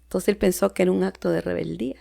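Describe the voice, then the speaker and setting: A woman's voice: lowish voice, fairly even intonation, fast talker, gravelly, warm tone. A woman with a Peruvian Spanish accent giving an earnest personal testimony in conversation, often dropping to a near-whisper. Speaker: podcast guest. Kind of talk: personal testimony in casual chat.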